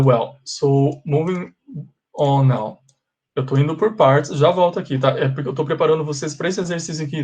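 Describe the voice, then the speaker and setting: A man's voice: fairly high pitch, darkish tone. Brazilian man teaching a class. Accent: Brazilian Portuguese. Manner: repeats examples slowly and quizzes students. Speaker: English teacher. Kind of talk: live class explanation.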